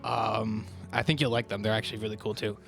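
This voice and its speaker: A man's voice: on the low side, steady tone, fast talker, gravelly, over music. A man playing a tabletop game, chatting casually and hesitantly with frequent restarts and laughter. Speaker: player.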